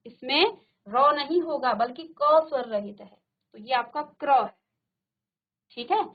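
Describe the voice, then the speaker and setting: Brief: high-pitched woman teacher from a virtual-classroom studio, patient, repeats sounds for the class, narrow phone-like audio. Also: lively intonation, measured pace. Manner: drills sounds by repeating them, checks with "ठीक है". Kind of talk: classroom grammar lesson.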